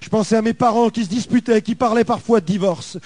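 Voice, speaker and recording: High-voiced man giving a dramatic testimony. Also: quick pace, a little mellow, dry recording. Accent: French. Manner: emphatic, repetitive storytelling. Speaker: testimony speaker.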